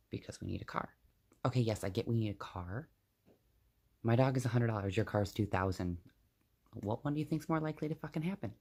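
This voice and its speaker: Gravelly-voiced young man venting, profane. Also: fairly low pitch. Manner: rambling, profane and blunt. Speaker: vlogger. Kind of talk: casual venting to camera.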